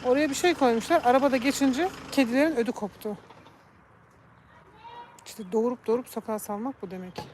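A woman's voice: a little high, fairly quick, pauses often, darkish tone, a little hiss or hum. A woman from Turkey chatting casually on a live stream, talking about and calling to her cats. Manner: chatty, coos and calls to her cats in a raised voice.

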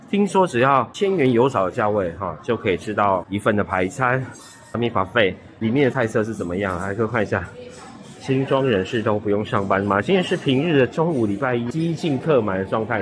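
Over a crowd in a noisy restaurant, a Taiwanese-accented man with a low, expressive voice chats briskly as he tours a busy hotel buffet. This food vlogger names the dishes one after another, often adding small tags such as "ha" and "a."

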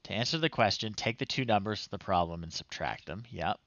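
With a fairly low, fairly bright voice carrying some vocal fry, a man in his thirties commentates briskly and animatedly while hosting a retro game show on a live stream. He reads screen text aloud and adds amused, playful asides, recording from a small home room in a dry, slightly dull close-up.

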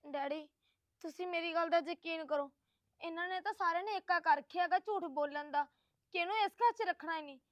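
A very high-voiced young wife, played by a woman, pleading and insistent. The sound is dry and close, with no room around it, in a short family drama. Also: brisk, no echo, lo-fi sound. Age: young adult.

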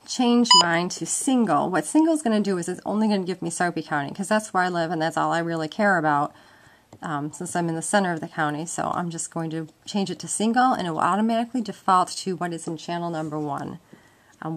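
Indoors at a wooden table at home, a woman instructor explains a casual demonstration informally, step by step. Her voice is lowish and she speaks fairly quickly. A handheld camera mic records it, leaving noisy, clicking home-video sound.

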